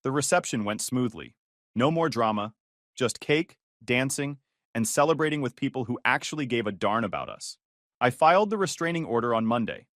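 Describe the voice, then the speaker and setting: A man's voice: mid-range voice, very animated, moderate pace, fairly bright tone, dry recording. A man narrating a first-person story in a dry, matter-of-fact way.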